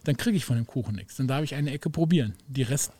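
A man's voice: mid-range voice, fast talker, warm tone, no echo. A man co-hosting a podcast, chatting casually with teasing, dry comebacks. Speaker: podcast co-host. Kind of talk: casual beer-fuelled chat.

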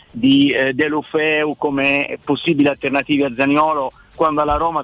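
Measured male caller over the phone. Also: mid-range voice, a bit bright, rough recording. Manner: measured, articulate, many "eh" fillers. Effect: heard over the phone. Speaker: radio caller. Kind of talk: casual call-in chat.

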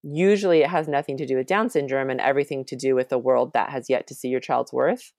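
A woman in her thirties talks as an interview guest, her voice sitting very low. She sounds earnest and reassuring, with frequent fillers. The recording is dry and close. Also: quick pace, a little mellow, dry recording. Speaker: guest, mother of children with Down syndrome. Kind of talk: conversational interview.

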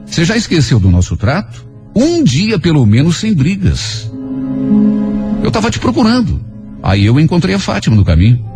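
A man's voice: fairly high pitch, normal speed, loud music behind the voice. Glib young boyfriend, unbothered and soothing, read by a man in a radio story. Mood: calm, soothing. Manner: calm, soothing. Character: smooth-talking young boyfriend, calm and glib.

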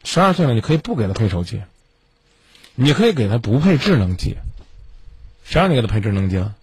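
Stern, husky-voiced man lecturing a caller. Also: mid-range voice, sing-song, quick pace, no echo. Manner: stern, scolding lecture with pointed questions. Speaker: radio call-in advice host. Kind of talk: call-in advice talk.

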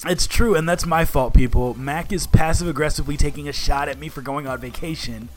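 Enthusiastic guy chatting, slightly high voice. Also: fairly quick, slight background noise. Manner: enthusiastic, buddy-like. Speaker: podcast co-host. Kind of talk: casual chat.

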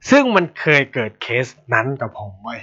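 A man's voice: medium pitch, brisk. Thai guy ranting casually on a podcast, swears a ton, dull lo-fi recording. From Thailand. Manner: blunt, swears a lot, animated. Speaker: podcast host. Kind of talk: casual storytelling chat. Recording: dull lo-fi sound.

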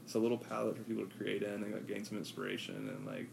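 A man chatting casually on a podcast, relaxed and rambling with lots of fillers. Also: fairly low pitch, fast, gravelly, a little hiss or hum, poor audio. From US West Coast. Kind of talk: casual chat.

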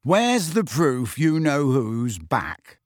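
A skeptical teenage boy who presses his challenge slowly and dismissively, as a male reader plays him. The delivery is deliberate and dry, like a storybook read. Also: a little high, expressive, no room sound. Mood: aggressive.

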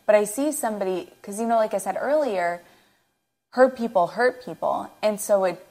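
A woman's voice: mid-range voice, normal speed, darkish tone. A woman hosting as a nutrition coach, speaking earnestly and emotionally into her own microphone, close to tears. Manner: earnest and emotional, nearly teary. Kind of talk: reflective interview commentary.

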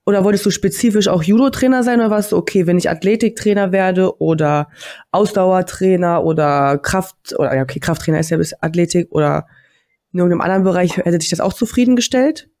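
A woman co-hosting a podcast, chatting in a lively way and laughing a lot. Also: on the low side, quick pace. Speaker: podcast co-host. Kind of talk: casual interview chat.

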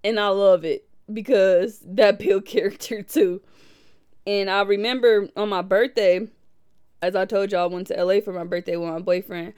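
Woman, twenties, from Milwaukee, smooth clear voice, casual podcast chat, animated. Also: medium pitch, normal speed. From Milwaukee, USA. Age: 20s. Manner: animated, laughs often, playful asides. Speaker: podcast host. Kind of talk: casual reflective podcast talk.

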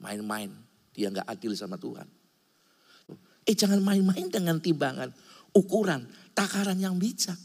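A male pastor delivers an emphatic sermon in a slightly high, husky voice that swings widely in pitch. He keeps turning to his listeners as brothers and sisters. Long reverb from the hall trails each phrase. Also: lively intonation, a little slow, pauses often, darkish tone.

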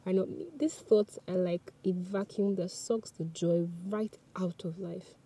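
A Yoruba-speaking woman delivers a scripted motivational talk on a podcast, speaking directly to the listener in an earnest, chatty way. Her voice is lowish and mellow with a breathy edge, and she keeps a steady tone at an unhurried pace.

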